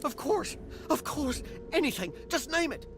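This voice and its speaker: Theatrical, craven old undead dwarf sorcerer. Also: male voice, extremely high pitch, very animated, measured pace, over music, heavily acted. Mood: pleading. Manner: theatrical, swinging from frantic pleading to ominous intoning. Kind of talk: fantasy video game acting.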